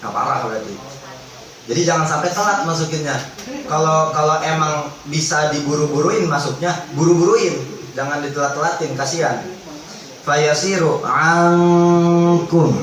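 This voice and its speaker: A man teaching Quran recitation rules in a religious study lesson, explaining in relaxed everyday speech and chanting drawn-out recited examples. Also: a little high. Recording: echoey hall, distant mic, faint background noise.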